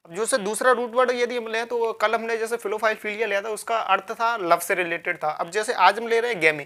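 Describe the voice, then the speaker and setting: A woman's voice: medium pitch, fairly bright tone. A woman teaching a vocabulary lecture, repeating key words, asking herself questions and spelling words out letter by letter.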